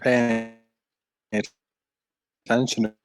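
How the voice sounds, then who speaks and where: A man's voice: mid-range voice, flat delivery, slow pace, a crowd in the background. A man on a glitching, robotic call line. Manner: words cut off and garbled mid-sentence. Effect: call connection breaking up into robotic glitches. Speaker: tabletop game player. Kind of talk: casual play over a voice call. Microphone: online voice call.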